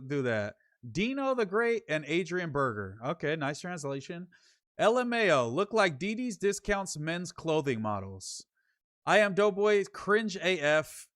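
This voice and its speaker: A man's voice: fairly high pitch, fairly bright tone, dry recording, clean studio sound. A young man hosting a casual livestream, reading viewer comments aloud and reacting with slangy jokes. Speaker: podcast host reading chat.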